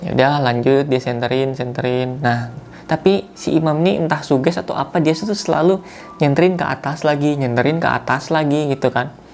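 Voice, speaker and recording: A man's voice: on the high side, steady tone, normal speed, gravelly, a little mellow, a little hiss or hum. A man casually retells a listener's mountain horror story as host, talking loosely with slang fillers and self-corrections.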